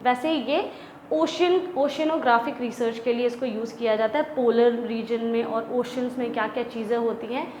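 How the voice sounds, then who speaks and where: A young woman with a fairly high voice gives a classroom lesson. She reads English passages slowly, then explains each line in Hindi. The voice rings in an echoey room over a faint hum. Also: fairly even intonation, darkish tone. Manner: slow, deliberate reading of English lines, then explaining in Hindi. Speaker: English teacher.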